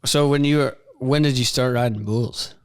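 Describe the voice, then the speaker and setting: A man hosting a casual podcast interview in a saddle shop, easygoing and quick to laugh. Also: medium pitch, clean tone, no room sound, clean studio sound. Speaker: podcast host.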